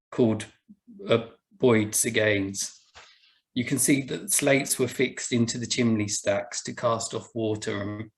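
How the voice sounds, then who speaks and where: Essex-accented man giving a measured talk. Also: on the low side. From England. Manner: measured, explanatory, with small restarts. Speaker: buildings officer giving a talk. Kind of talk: webinar presentation.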